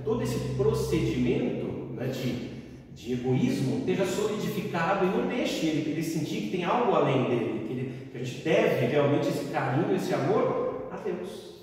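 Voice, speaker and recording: A man's voice: medium pitch, darkish tone. A man giving a spiritist lecture, telling stories and tagging lines with "né?". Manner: frequent "né?" tags, acts out voices in stories. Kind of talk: religious lecture with storytelling. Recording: echoey hall from far off, faint noise.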